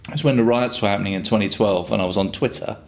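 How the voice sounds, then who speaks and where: A man in his 50s, a guest artist on a casual chat, tells rambling stories and swears freely. His voice is fairly low, fast, gravelly and somewhat dark.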